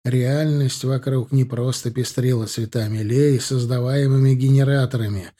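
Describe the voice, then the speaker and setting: A man narrating a fantasy audiobook in a steady, measured reading style. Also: mid-range voice. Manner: steady, measured reading of dense technical prose. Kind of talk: scripted narration.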